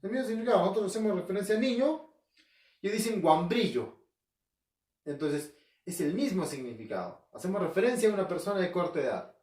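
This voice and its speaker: A man's voice: high-pitched, big pitch swings, fast, a little mellow. A male teacher from Peru with an Arequipa accent gives a recorded class. He asks himself questions, answers them, repeats key terms and checks in with his listeners. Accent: Peruvian Spanish, Arequipa. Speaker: school language teacher. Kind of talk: recorded home-learning class. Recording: roomy echo, voice from far off the mic.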